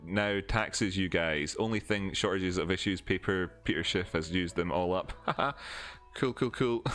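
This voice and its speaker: A Scottish man hosts a crypto trading livestream, reading viewer comments and chatting casually, frankly repeating words for emphasis. His voice is low, fairly bright in tone and a little slow. Faint background music plays under him.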